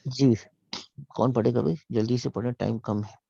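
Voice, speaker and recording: A man with a Pakistani Urdu accent teaches an online Arabic class. His voice is gravelly and dark, and it stretches out each Arabic phrase slowly. The recording sounds dull and dry, like it was made through a call mic. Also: medium pitch, fairly even intonation, no echo. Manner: slow, drawn-out reading of Arabic phrases, then brisk explanation.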